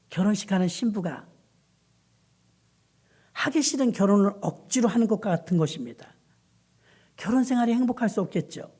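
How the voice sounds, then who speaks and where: A woman pastor delivering a sermon with lively, exclamatory storytelling. Her voice sits at an ordinary middle pitch and carries the congregation along with anecdotes and rallying calls.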